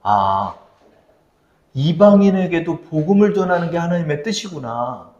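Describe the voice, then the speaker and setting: A man's voice: on the high side, very animated, a little slow, a little mellow. A male pastor preaching a sermon, telling stories and acting out voices in prayer and scripture scenes. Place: church sanctuary. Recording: echoey room, dull lo-fi sound.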